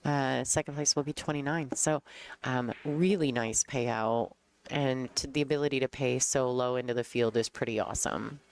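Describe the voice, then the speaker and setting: She's a pool commentator chatting between shots, smooth voice, laughs a lot. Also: very deep voice, normal speed, a little mellow. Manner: chatty, laughs easily, tells anecdotes. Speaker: color commentator. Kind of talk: casual play-by-play commentary. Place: pool hall commentary booth.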